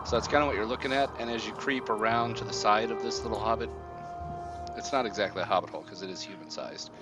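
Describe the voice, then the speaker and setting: Man game-mastering over clear background music. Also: on the low side, fast talker. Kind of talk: casual tabletop game narration. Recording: music behind the voice.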